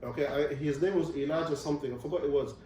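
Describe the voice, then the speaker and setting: A man's voice: fairly high pitch, quick pace, dark tone. Man lecturing from across a very echoey room. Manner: explanatory, checks in with "okay" and questions to the audience. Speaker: visiting Islamic speaker. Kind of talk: religious lecture to a student audience. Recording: distant mic in a very echoey room.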